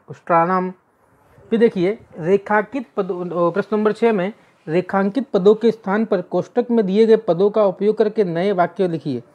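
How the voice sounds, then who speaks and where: A woman teaches a textbook lesson in a middle-pitched voice, walking through words one at a time. She repeats herself and corrects her own slips as she goes. The recording sounds dull and lo-fi. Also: mellow. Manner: explains word by word, repeats and self-corrects.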